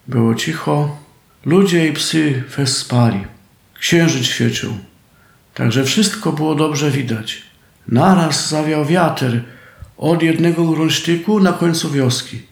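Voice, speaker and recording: A man's voice: fairly high pitch, gravelly, roomy sound. A man with a Silesian accent telling a folk tale in a homely dialect style. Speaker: storyteller.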